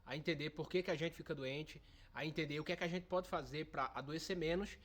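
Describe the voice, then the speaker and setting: A man, answering interview questions as a nutritionist. He explains with eager enthusiasm. His voice sits a little on the high side. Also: a little fast, a bit bright. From Brazil's Northeast, Pernambuco. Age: 20s. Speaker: nutritionist guest.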